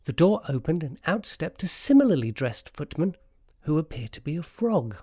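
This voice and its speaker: Lively, dry-sounding storybook narrator. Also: medium pitch, normal speed, husky, dry recording.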